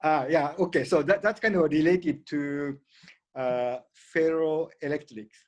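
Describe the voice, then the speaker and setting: A man giving a physics lecture and taking questions, speaking haltingly and filling gaps with "you know" and "uh". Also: a little high.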